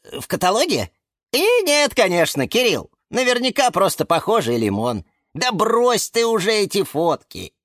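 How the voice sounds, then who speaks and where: A man's voice: sits high, very animated, moderate pace, fairly bright tone, dry recording, clean studio sound, pitched above the performer's own voice, full character voice. A man voicing a chatty, distracted male lemon in a storybook. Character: busy chatty male lemon, new father.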